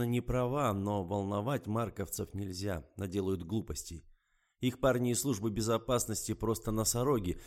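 Guy doing a calm dry publisher, precise and ironic, lowish voice. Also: lightly acted.

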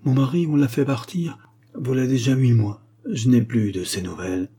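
A man's voice: medium pitch, moderate pace, dark tone, husky, natural voice. A man voicing a poor, exhausted young soldier's wife who tells her troubles in a tired, pleading way. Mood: weary.

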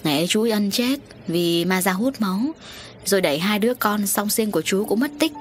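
A woman narrating a ghost story audiobook in an even, steady voice. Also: mid-range voice, fairly quick, a little hiss or hum.

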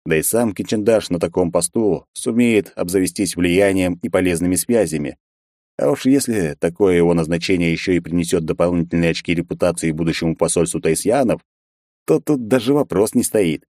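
A man reading an audiobook in a steady, even storytelling manner on a close studio mic. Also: deep voice, a little fast, no room sound. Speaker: audiobook narrator. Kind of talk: scripted narration.

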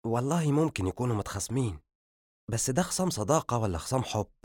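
A man voicing a calm, observant young man with an Egyptian accent, who speaks in a measured way. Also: mid-range voice, no room sound, clean studio sound, natural voice.

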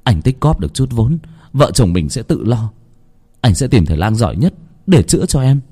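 A man's voice: mid-range voice, sing-song, moderate pace, mellow, slightly rough. A man voicing a protective young husband with a voice that surges when he is pressed, in a spoken ghost story. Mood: gentle, remorseful.

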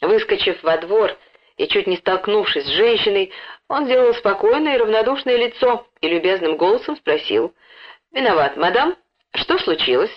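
A woman reads a story aloud in a lively, expressive way. Her pitch is mid-range. The recording sounds dull and lo-fi. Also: moderate pace. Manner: lively, acts out the dialogue. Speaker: audiobook narrator.

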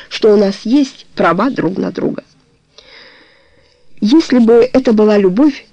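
A devoted man pleads for the woman's hand, soft at first and then heated and insistent, voiced by the audiobook reader. The voice is gravelly and dark, and it is recorded dry and close. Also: medium pitch, no echo, rough recording.

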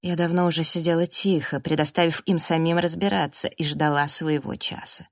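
A woman narrating a first-person audiobook in a steady, dramatic reading. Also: deep voice, moderate pace, no echo, clean studio sound.

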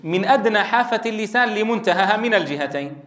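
A man's voice: high-pitched, animated, fast, a bit bright, echoey room. A middle-aged man teaching a classroom lesson, explaining and quizzing his students and drilling sounds aloud. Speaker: Quran recitation teacher.

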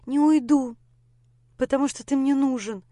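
A woman reading the part of a gentle young woman who pleads softly through tears. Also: a little high, unhurried, no room sound, pitched above the performer's own voice. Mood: pleading. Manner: soft, timid, tearful pleading.

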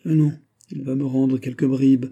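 A man voicing a dying old male cardinal who pleads and flatters theatrically, with a husky, dark voice. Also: medium pitch, normal speed, dull audio, pitched above the performer's own voice. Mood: scheming.

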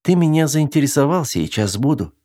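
A friendly female android, as a male narrator puts her on, speaks in a raised, lively voice with an amused lilt. The sound is close and dry, audiobook style. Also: a little high, fairly quick, no echo, pitched above the performer's own voice. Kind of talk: audiobook character voice.

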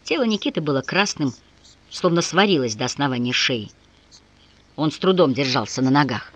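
A woman narrating an audiobook with expressive, varied intonation. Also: deep voice, moderate pace. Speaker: audiobook reader.

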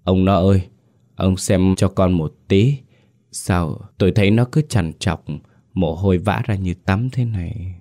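A man's voice: low voice, unhurried, dark tone. A man voicing a doting older village wife, anxious and pleading, in a told ghost story.

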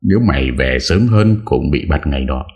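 A man's voice: extremely low pitch, lively intonation, moderate pace, a little mellow. A man voicing a stern young martial-arts master who gives curt, firm orders. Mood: commanding. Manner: curt, commanding.

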